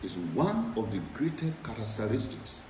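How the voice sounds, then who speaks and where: A man's voice: on the low side, big pitch swings, normal speed, a little mellow, roomy sound, distant mic, slight background noise, low-quality recording. A middle-aged man preaching a sermon, emphatic and repeating his key phrases over and over. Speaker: preacher and former lecturer.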